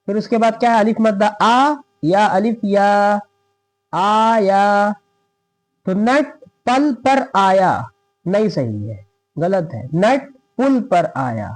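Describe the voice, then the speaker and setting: Slow, patient man teaching Urdu letters. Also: sits high, no echo. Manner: spells out letters syllable by syllable, repeats often; patient, keeps checking with "thik hai". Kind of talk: slow step-by-step reading lesson.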